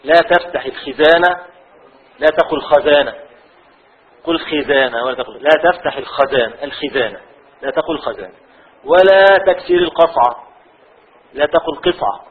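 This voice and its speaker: A man's voice: mid-range voice, lively intonation. Egyptian guy teaching a religious law class, reads the text then goes over it again and again, sounds thin like over a phone. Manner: reads a passage aloud, then explains it slowly with many repetitions. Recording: tinny phone-like audio.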